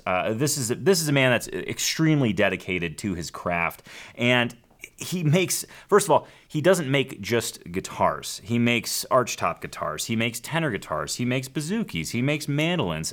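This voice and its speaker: A man hosting a podcast about acoustic guitars, upbeat and excitable, with jokes at his own expense. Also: medium pitch. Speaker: podcast host. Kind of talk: enthusiastic show hosting.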